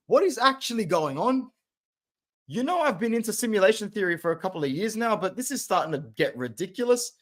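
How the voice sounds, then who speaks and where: Excitable young man on stream. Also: high-pitched. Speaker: football fan channel host. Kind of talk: casual live-stream commentary.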